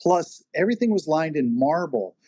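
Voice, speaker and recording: A man's voice: a little high, very animated, normal speed, mellow, no echo. A man steering a casual interview as its host. He talks in a loose, rambling way, full of "uh" and "you know." His voice sounds dry and close, with little room around it. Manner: rambling with many fillers. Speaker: podcast host and magazine editor.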